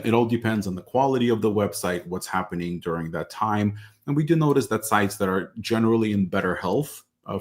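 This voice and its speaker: A man hosting an interview show over a video call, casually recapping his guest's points with plenty of fillers. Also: low-pitched. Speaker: podcast host.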